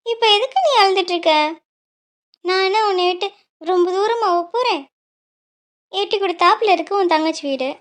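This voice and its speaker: A woman's voice: very high-pitched, normal speed, long pauses. A woman voicing a cheeky, loving young bride in a cartoon. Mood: cheeky, soothing. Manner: cheeky, bubbly. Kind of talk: cartoon voice acting.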